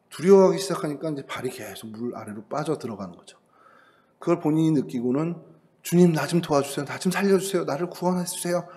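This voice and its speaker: A middle-aged male pastor preaching a sermon, his voice sitting somewhat high for a man. He talks in a relaxed, conversational way, telling the story as if chatting with his listeners. He slips into the voices of the people he quotes.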